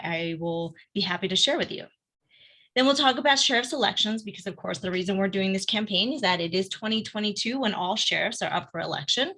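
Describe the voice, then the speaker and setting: A middle-aged woman from Argentina gives an informal, upbeat presentation as a guest speaker on a video call, often pausing with "um". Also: mid-range voice, sharp tone. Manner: upbeat and conversational, frequent "um"s. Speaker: guest speaker, advocacy field director.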